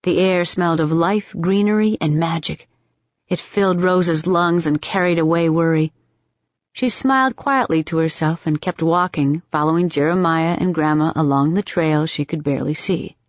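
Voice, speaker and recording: A woman narrating an audiobook in an even, steady storytelling manner. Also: low-pitched, moderate pace, dry recording. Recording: dull, dry audiobook recording.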